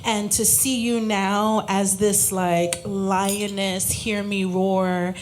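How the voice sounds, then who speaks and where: A woman's voice: mid-range voice, level tone, slow pace, slight background noise. A young woman hosting a live podcast, effusive and hyping up the crowd. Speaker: podcast host. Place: live cafe event before an audience.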